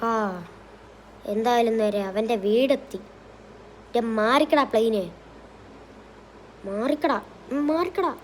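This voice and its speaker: A woman's voice: on the high side, takes it slowly, long pauses, slight background noise, low-quality recording. Playful woman voicing a comic game story. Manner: playful, switches between character voices. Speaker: gaming channel narrator voicing characters. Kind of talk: comic game role-play narration.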